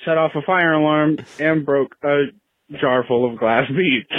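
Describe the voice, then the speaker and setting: A man's voice: a little high, unhurried, no echo. A man calling in and leaving a casual voicemail for a radio show, heard over the phone. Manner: casual, upbeat greeting, rambling anecdote. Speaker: caller. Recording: tinny phone line.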